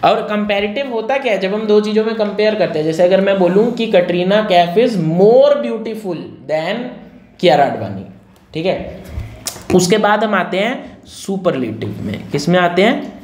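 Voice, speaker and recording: A man's voice: high voice, lively intonation, measured pace, a little mellow. A male grammar teacher leading a classroom lesson, repeating key words and firing check questions at his students. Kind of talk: classroom grammar lesson in Hindi mixed with English. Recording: roomy echo with faint noise.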